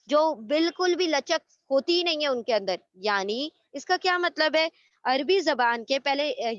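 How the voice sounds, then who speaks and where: Woman grammar teacher, high voice, patient and repetitive, close dry lo-fi sound. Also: fairly bright tone, no room sound. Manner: explains patiently, repeats terms, mixes English words into Urdu. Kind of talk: recorded online lesson.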